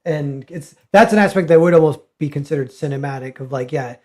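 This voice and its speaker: A man's voice: a little high, a little fast, mellow. A man, a comic artist guest, talking casually and ramblingly with many fillers and restarts. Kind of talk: casual livestream chat.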